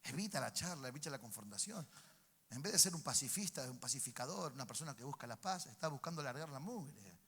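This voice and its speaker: Argentine preacher guy, bright forceful voice, rioplatense accent, big church echo, gets loud then drops real quiet. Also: medium pitch, lively intonation, fast, breathy edge. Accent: Rioplatense Spanish. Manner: preaching with call-and-response to the congregation; swings between shouted peaks and hushed intimate passages. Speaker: pastor. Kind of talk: sermon. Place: church sanctuary. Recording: church hall reverb.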